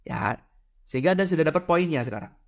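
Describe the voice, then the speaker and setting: A man's voice: on the high side, lively intonation, fast talker, gravelly. A man giving a casual spiritual lecture as a teacher, explaining through everyday examples and often checking in with his listeners.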